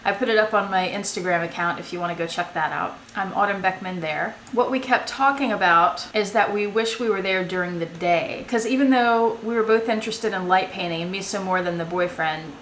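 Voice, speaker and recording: A woman's voice: mid-range voice, brisk, hardly any pauses, a bit bright. A woman giving a casual, matter-of-fact first-person vlog account of an outing. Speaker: vlogger and photographer. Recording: echoey room with faint noise.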